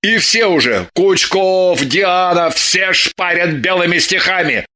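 A man's voice: sits high, slow pace, pushed and bright, exaggerated voice. An actor playing a sardonic, exasperated young man who scolds with theatrical sarcasm in an audiobook. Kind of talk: audiobook dialogue.

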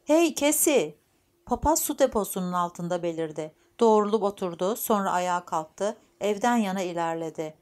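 A woman narrating an audiobook in a steady, measured reading voice. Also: fairly low pitch. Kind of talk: scripted narration.

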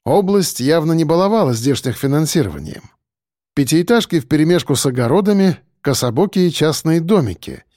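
Man narrating an audiobook, lively pitch. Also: brisk, no echo, clean studio sound.

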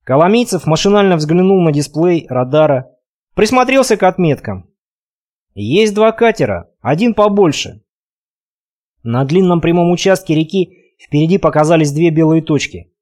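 A man reads a first-person adventure audiobook with expressive, conversational storytelling. His voice sits high for a man and moves a lot, climbing and dipping through each sentence. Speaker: audiobook narrator.

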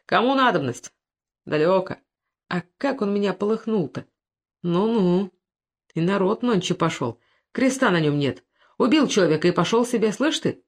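A woman's voice: mid-range voice, lively intonation, moderate pace. A burly, bear-like peasant thief, read by a woman, simple-minded and plaintive, talking in a whimpering folk speech. He complains like a man close to tears, in a storybook reading.

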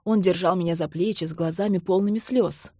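A woman narrating a novel in the first person, in a measured, intimate storytelling manner. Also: on the low side, mellow, no echo, studio quality. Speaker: audiobook narrator.

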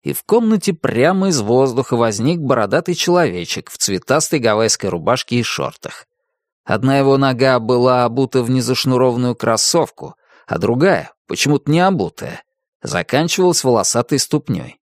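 A man narrating a children's audiobook with lively storytelling. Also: medium pitch, moderate pace, no echo, clean studio sound.

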